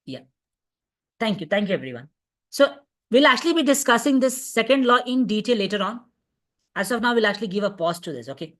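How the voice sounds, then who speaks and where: Over an online video call, a woman with an Indian accent lectures as a physics teacher in a revision class. She speaks briskly in a fairly high voice with lively intonation, repeating points and frequently checking that everyone understands.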